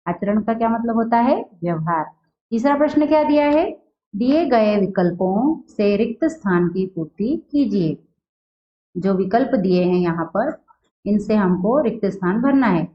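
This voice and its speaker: A woman teaching a Hindi class, who asks a question and answers it herself, and slowly repeats words to show how they are said. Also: mid-range voice, lively intonation. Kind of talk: recorded class lesson. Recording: dull lo-fi sound in an echoey room.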